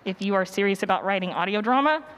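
Animated, fast and a bit bright, her medium-pitched voice carries playful small talk with the crowd before she presents her workshop. She stands on a stage at a live conference session, and the audio picks up noticeable background noise and live ambience.

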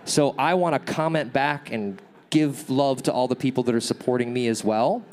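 Here a man with a nasal, medium-pitched voice moves at a moderate pace through a live workshop talk on an event stage. He answers questions in an energetic coaching style and regularly asks "okay?" and "right?".

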